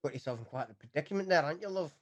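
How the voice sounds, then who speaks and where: A man's voice: a little high, expressive, rapid-fire. A man voicing a stout little dwarf man with a put-on Scottish accent, cheeky and teasing.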